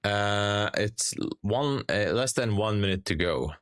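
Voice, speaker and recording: A young man with a Hungarian accent chats with viewers during a live trading stream. His voice sits low, and he takes his time between words. The sound is dry and close, with soft music behind him. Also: expressive, measured pace, no echo. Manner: chatty, laughing, frequent restarts while reading chat. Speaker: live-stream day trader. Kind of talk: casual live-stream chat answering viewers. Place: home trading room. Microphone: headset.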